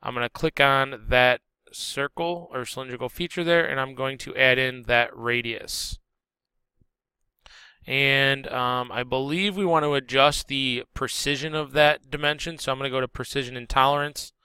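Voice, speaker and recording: A man teacher walking students through a software drawing tutorial step by step, relaxed and correcting himself as he goes. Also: mid-range voice, normal speed, clear, resonant tone, dry recording. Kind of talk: screen-recorded software tutorial.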